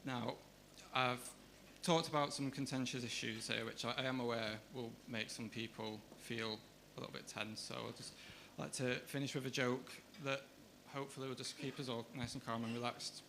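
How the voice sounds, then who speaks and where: A man doing stand-up comedy on a comedy club stage, with a deadpan, hesitant delivery. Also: medium pitch, normal speed, hardly any pauses, background noise.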